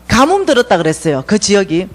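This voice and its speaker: A woman's voice: mid-range voice, big pitch swings, fast talker. A woman giving a revival lecture at a church, acting out the dialogue between God and Elijah.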